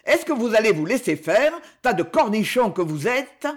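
A reader voicing Alphonse, an angry young man who shouts his protests in a storybook reading. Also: medium pitch, very animated, normal speed, slightly rough. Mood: indignant. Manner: shouting, indignant. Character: angry young man caught stealing, brawling.

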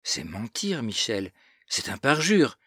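A man's voice: medium pitch, lively intonation, normal speed, a bit bright, slightly rough, dry recording, studio quality. A man reading as a timid, naive young girl. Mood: earnest. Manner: hesitant, timid questioning. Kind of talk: audiobook reading of a novel.

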